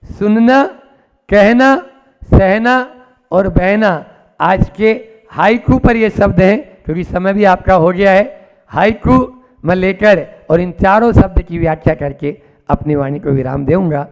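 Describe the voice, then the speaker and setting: High-pitched gravelly preacher man. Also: normal speed. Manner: animated, acts out characters in his stories, repeats key phrases. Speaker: Jain monk preacher. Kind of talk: sermon with storytelling.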